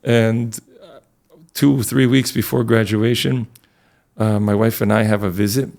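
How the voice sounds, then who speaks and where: Low gravelly-voiced middle-aged priest. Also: male voice, fairly even intonation, a little slow, darkish tone. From Connecticut, USA. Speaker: priest, guest. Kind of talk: conversational interview storytelling.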